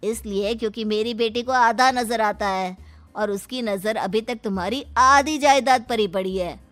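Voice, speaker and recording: A woman's voice: on the high side, normal speed, fairly bright tone, lightly acted. A woman voicing a sly, taunting middle-aged father in a cartoon story. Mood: smug. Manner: taunting, smug. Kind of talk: cartoon voice acting.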